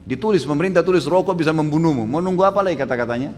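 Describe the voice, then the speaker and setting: A man preaching and answering audience questions in a religious lecture. He talks in an animated, emphatic way and jumps sharply upward to stress his rulings. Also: on the high side, racing, long reverb tail, a little hiss or hum.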